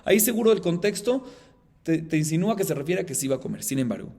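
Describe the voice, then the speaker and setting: A man, a rabbi, giving a Talmud class, explaining fast and acting out the case dialogue, then dropping to a low murmur to read the Aramaic. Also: expressive, warm tone, breathy edge. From Colombia.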